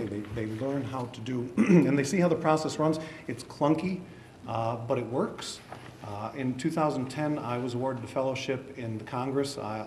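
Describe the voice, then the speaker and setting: A man of middle pitch speaks in a persuasive, conversational way as a teacher addressing a school board. The room is echoey, with faint ambient noise in the background. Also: darkish tone. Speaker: social studies teacher introducing speakers. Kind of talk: informal public remarks.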